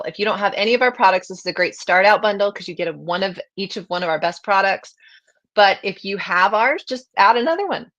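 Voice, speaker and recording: A woman co-hosting a live craft sales stream, friendly and agreeable as she pitches bundles. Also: a bit bright. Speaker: co-host of a craft company livestream.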